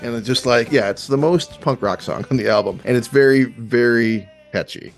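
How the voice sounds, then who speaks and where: A man hosting a podcast, talking about an album in a relaxed, chatty, self-deprecating way. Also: medium pitch, normal speed. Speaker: podcast host. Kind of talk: casual chat about music.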